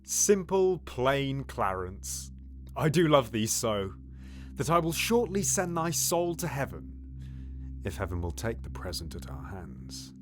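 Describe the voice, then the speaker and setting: An actor playing Richard III as a bitter, scheming duke in a classical audio drama, with a theatrical, confiding delivery. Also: male voice, mid-range voice, sing-song, unhurried, faint music behind. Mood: gloating. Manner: intimate, theatrical, often near-whispered soliloquy. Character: scheming, bitter duke, villainous brother of the king.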